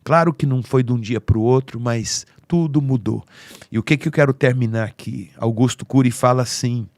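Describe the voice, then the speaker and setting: A man with a Brazilian accent tells an emotional family story on a podcast, slipping into the voices of the people in it. His voice sits at a middle pitch. It sounds dry and close on the mic. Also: moderate pace, darkish tone, no room sound. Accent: Brazilian Portuguese. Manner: heartfelt, acts out quoted family voices. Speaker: podcast speaker.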